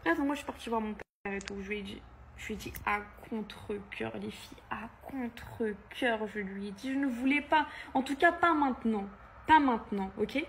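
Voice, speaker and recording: A young woman speaks straight to her viewers in a storytime vlog. Her voice sits a little high and she sounds hurt and angry. Faint noise hums under the recording. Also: normal speed. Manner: emotional, hurt and angry, addressing viewers as girls. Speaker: content creator.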